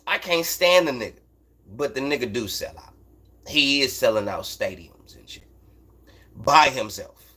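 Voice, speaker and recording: A man's voice: mid-range voice, expressive, unhurried, long pauses, bright, forceful tone, breathy edge. An American man hosting a casual sports talk stream, speaking in blunt, profane, emphatic slang and repeating phrases to drive his points home. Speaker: host of a boxing talk livestream. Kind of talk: casual unscripted sports commentary, answering chat.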